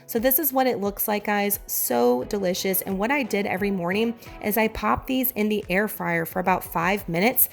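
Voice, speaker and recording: In a casual meal prep voiceover, a home cooking vlogger with a Southern US accent chats enthusiastically and directly. Her medium-pitched voice has vocal fry, and it sounds congested and as if it's giving out.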